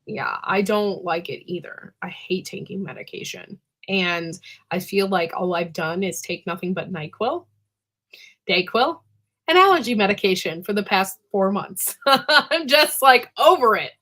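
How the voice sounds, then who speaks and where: Woman, hoarse smoker's rasp, bright forceful tone, medium pitch, chatty livestream host, throat clearing. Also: expressive, unhurried. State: hoarse, voice giving out from allergies. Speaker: host of a live canning chat. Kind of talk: casual livestream chat.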